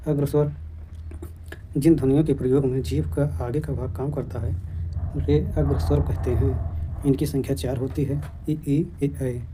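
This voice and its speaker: A male teacher giving an exam-prep grammar lesson, listing terms in a steady, dictation-like way. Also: mid-range voice, moderate pace, noisy background.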